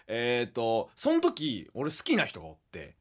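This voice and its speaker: Kansai guy, young adult co-host, animated storyteller, husky and swooping. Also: normal speed. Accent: Kansai Japanese. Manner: animated storytelling with sudden high laughs. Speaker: comedy duo podcast co-host. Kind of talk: casual chat.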